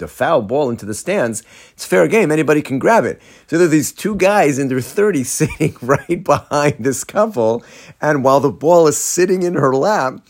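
A man from Atlanta, a rabbi telling a story in a sermon, acting out the people in it with quick laughs. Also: medium pitch. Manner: animated storyteller, acts out quoted voices with laughs.

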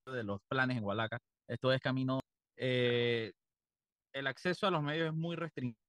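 A man reporting live from outdoors over a remote call line that keeps breaking up and freezing, halting and full of fillers. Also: medium pitch, fairly bright tone. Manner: halting, filler-heavy delivery. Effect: connection dropping out and freezing. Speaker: field reporter. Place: outdoors near a migrant shelter.

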